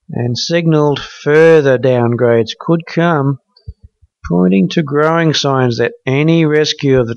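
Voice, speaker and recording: A man reads financial news at an unhurried, deliberate pace, his voice at an ordinary middle pitch. The recording is dry and a little dull, like a lo-fi voice-over. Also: no room sound. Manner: measured, reads quotes aloud with "quote" and "end quote". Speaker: podcast news reader.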